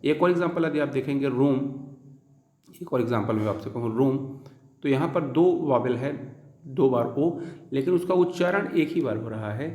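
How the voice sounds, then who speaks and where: A man explaining a lesson, slowly and deliberately repeating key terms. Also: mid-range voice, animated, a little mellow. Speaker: English teacher. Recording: echoey room.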